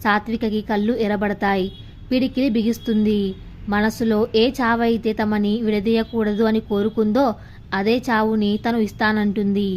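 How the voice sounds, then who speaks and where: A woman narrating a scripted story in a steady, descriptive way. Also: mid-range voice, normal speed, slight background noise.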